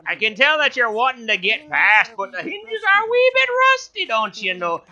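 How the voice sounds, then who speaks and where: A man's voice: very high-pitched, very animated, moderate pace, bright, forceful tone, pitched above the performer's own voice, heavily acted. A man voicing a cheery talking door in a put-on Irish accent, singsong and folksy, on a dull lo-fi recording. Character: jolly Irish-sounding talking door with rusty hinges. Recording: dull lo-fi mic.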